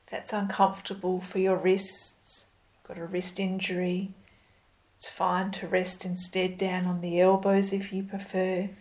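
A woman leading a yoga class as instructor, giving calm, gentle, step-by-step cues in an unhurried way. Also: fairly low pitch, rough recording. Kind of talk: slow guided yoga instruction.

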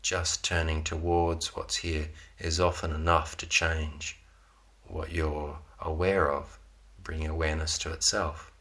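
A man leads a yoga practice in a soft, unhurried way, leaving long pauses between phrases. His voice sits very low and stays flat and even, with a bright, clear edge to the tone. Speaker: yoga teacher. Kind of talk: guided yoga relaxation.

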